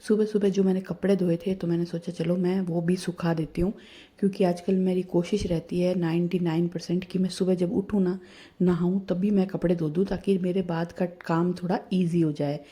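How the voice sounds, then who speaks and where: Soft-spoken woman in a hushed voice-over. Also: fairly low pitch, level tone, brisk. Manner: chatty, confiding. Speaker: home vlogger. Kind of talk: quiet voice-over narration of daily chores. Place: home. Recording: roomy home voice-over with faint ambience.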